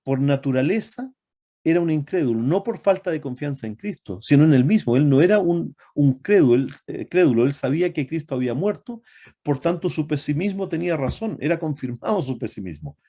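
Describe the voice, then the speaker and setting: A man preaching a sermon to his congregation, often asking them rhetorical questions and pausing on fillers and self-corrections. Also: fairly high pitch, animated, warm tone.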